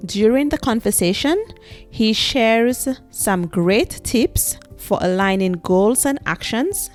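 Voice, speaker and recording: Slow-spoken woman podcast host. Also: medium pitch, darkish tone. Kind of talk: podcast intro and interview.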